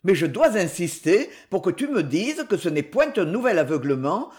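A gentle, anxious old father, a banker in a read-aloud novel, as a woman narrator voices him. He speaks softly and imploringly to his daughter, his pitch moving widely. The tone stays close to the reader's own, only a little lower at times. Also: sing-song, normal speed. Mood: tender.

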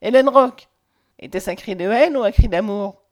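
A woman's voice: mid-range voice, lively intonation, fairly quick, warm tone, natural voice. A woman playing a passionate, domineering man in a storybook reading, close to the reader's own voice. He speaks with urgent, commanding ardour, pressing every question. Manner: impassioned, commanding. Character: ardent, domineering man declaring his love.

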